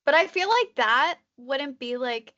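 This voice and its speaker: A woman's voice: high voice, lively intonation, unhurried, sharp tone, lo-fi sound. A woman in her twenties co-hosting a podcast, chatting casually and rambling with lots of "like" fillers. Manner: rambling, constantly says "like", nervous chatter. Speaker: podcast co-host. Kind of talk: casual chat.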